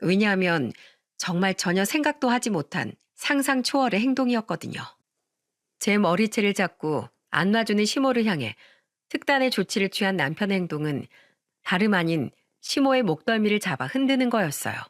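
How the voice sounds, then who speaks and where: A woman narrating a dramatized radio story in a steady, expressive storytelling voice. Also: medium pitch, normal speed, no room sound, clean studio sound.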